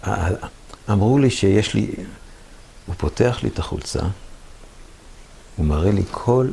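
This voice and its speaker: A gravelly older man from Israel, in his seventies, recalls the war as an interviewee. His lowish voice is expressive and warm, and he vividly performs other people's voices, with slight background noise present.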